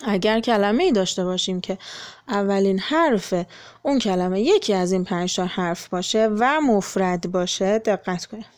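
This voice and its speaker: A woman's voice: medium pitch, expressive. A young woman teacher going through an English textbook lesson for children, explaining each step patiently and translating every phrase. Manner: patient, explains then translates, many fillers.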